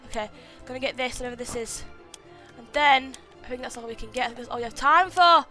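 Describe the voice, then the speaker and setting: Brief: high-voiced woman narrating a let's play, excitable and flustered. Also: fast, soft background music. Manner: excitable, flustered, panicky exclamations. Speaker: gaming YouTuber.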